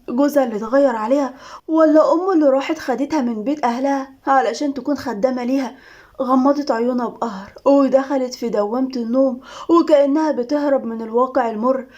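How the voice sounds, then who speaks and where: A woman with an Egyptian Arabic accent reading a serialized story aloud in a fast, expressive way. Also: sits high, dull audio.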